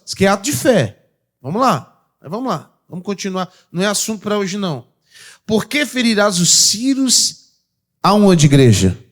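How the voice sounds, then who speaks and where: A man with a Brazilian Portuguese accent preaching a sermon in church, calling out to the congregation and swinging between loud declarations and quiet asides. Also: high-pitched. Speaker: pastor.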